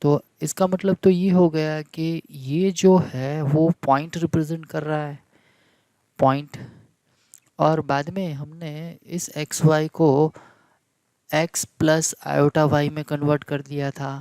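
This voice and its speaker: Guy teaching math slow and steady, a bit gravelly, keeps quizzing the class on terms. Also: on the high side, dry recording. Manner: repeats key terms and asks the class questions to check understanding; slow, deliberate delivery. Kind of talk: classroom lecture in Hindi mixed with English terms.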